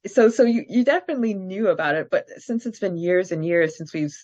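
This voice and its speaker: Her fairly low, slightly mellow voice comes through a dry, dull lo-fi recording as she co-hosts a casual fan podcast. She reads the questions and answers aloud and chats between them, speaking in quick bursts and laughing often.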